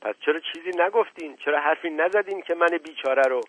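A man doing Asadollah Mirza, an excitable flustered nobleman. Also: a little high, no room sound, pitched above the performer's own voice, low-quality recording. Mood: indignant. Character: flustered aristocratic uncle, sly and excitable.

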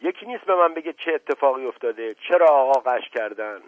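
A witty middle-aged aristocrat teases and barks orders, as a male narrator plays him. The voice is husky and mid-pitched. It sounds dry and phone-thin. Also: dry recording, close to an everyday voice. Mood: teasing, urgent. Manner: teasing, commanding. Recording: narrow phone-like band, dry.

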